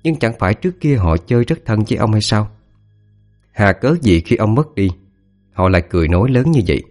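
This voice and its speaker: A man telling a scripted ghost story in a dramatic, expressive way. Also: on the low side, a little fast, faint music behind.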